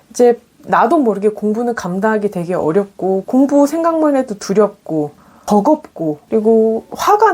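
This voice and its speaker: Calm woman coach, mellow voice. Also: medium pitch. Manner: calm, reflective, acts out parents' inner voices. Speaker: parenting coach. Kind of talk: explanatory monologue.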